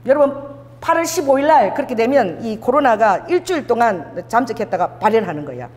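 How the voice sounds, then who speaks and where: Lively woman pastor preaching in a hall. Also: on the high side, brisk. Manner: animated storytelling, laughing often, acting out dialogue. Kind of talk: sermon. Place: church sanctuary. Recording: reverberant church hall.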